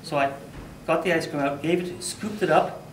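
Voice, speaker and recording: Male contest speaker telling a funny story, lively delivery, recorded far off in a roomy hall. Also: fairly high pitch, moderate pace, a little hiss or hum. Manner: animated, loud bursts for sound effects. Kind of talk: humorous storytelling speech. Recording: echoey hall, mic from far off.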